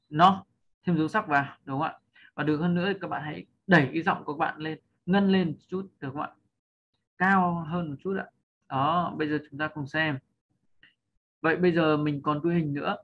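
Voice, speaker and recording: A man explaining pronunciation rules in a patient, step-by-step lesson, often pausing to check that his learners follow. His voice sits a little high, and he stretches out example sounds so they can be copied. The recording is slightly dull, with a faint hiss under it. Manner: draws out and lifts model sounds for learners. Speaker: English pronunciation teacher. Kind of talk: spoken lesson explaining over slides.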